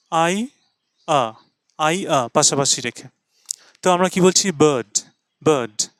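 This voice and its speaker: A man teaching English pronunciation, mixing explanation with English words, spelling words letter by letter and repeating them slowly. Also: fairly high pitch, clear, resonant tone, no room sound, clean studio sound. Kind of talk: slow spoken lesson.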